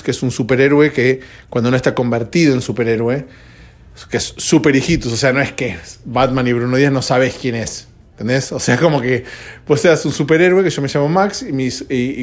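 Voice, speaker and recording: A sleepy man with a Rioplatense Spanish accent, rambling conversationally as a podcast host, recorded at home at dawn. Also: mid-range voice. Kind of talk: solo podcast chat.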